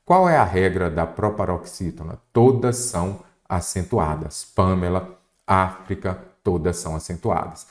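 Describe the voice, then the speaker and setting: A Brazilian man with a low, slightly slow voice teaches a Portuguese exam-prep lesson. He explains things step by step and puts questions to the viewer in a didactic way.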